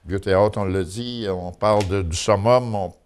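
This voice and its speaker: A man's voice: low-pitched, normal speed, clean tone. A man with a Quebec French accent giving an informal local news chronicle in a folksy, colloquial way. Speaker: local news and gossip columnist.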